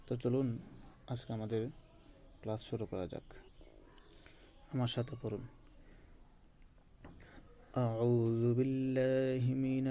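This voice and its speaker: A man teaching Quran recitation in a slow, patient lesson, drawing out each demonstrated letter. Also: lowish voice, gravelly, dark tone, slight background noise.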